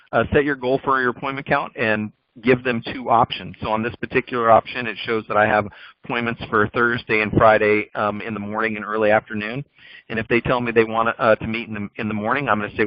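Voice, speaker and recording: A man's voice: medium pitch, no room sound. A man giving a recorded sales training talk over slides, coaching in a direct, instructive way. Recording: dull lo-fi dry audio.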